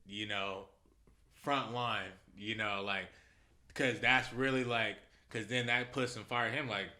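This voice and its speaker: A male musician guest in a casual podcast chat, telling lively stories and acting out what people said. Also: on the low side, a little slow. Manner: animated storyteller, acts out quotes.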